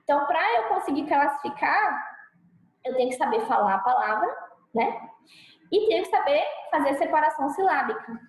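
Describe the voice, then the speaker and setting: A Brazilian woman teaching a grammar lesson, checking in with her students often and sounding out example words slowly and loudly. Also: high-pitched, big pitch swings, reverberant, poor audio. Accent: Brazilian Portuguese. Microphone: clip-on mic.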